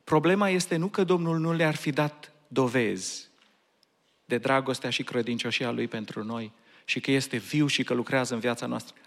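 A man preaching a sermon, asking earnest rhetorical questions and slipping in English phrases. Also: medium pitch. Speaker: pastor.

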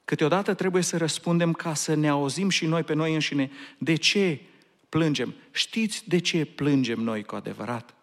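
A man preaching a sermon, asking earnest rhetorical questions and slipping in English phrases. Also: on the high side. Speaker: pastor.

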